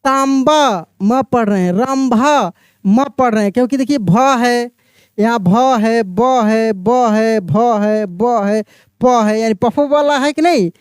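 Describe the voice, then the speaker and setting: A man teaching a beginners' reading lesson, explaining slowly, repeating each word and putting questions to the listener. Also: very high-pitched, clean tone, no echo, clean studio sound. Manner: addresses the viewer as my friend.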